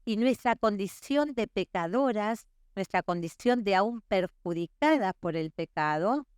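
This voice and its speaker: A woman's voice: mid-range voice, expressive, measured pace, darkish tone, clean tone, no room sound, studio quality. A middle-aged woman, preaching earnestly at a women's conference and often checking in with her listeners. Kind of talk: sermon.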